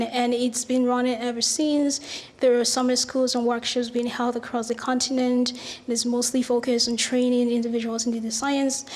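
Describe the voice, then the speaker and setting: A middle-aged woman from Cameroon, giving an earnest academic lecture with slides and small restarts. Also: a little high. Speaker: researcher giving a talk.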